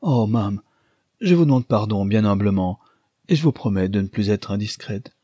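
A man with a husky voice voicing a timid young woman who pleads in tearful, breathless exclamations. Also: sits low, fairly even intonation, slow, darkish tone, dry recording, studio quality, full character voice. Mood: desperate pleading.

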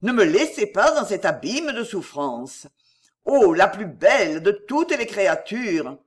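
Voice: medium pitch, very animated, a little slow. A reader voicing a passionate young male poet who pleads in desperate, breathless declarations. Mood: pleading.

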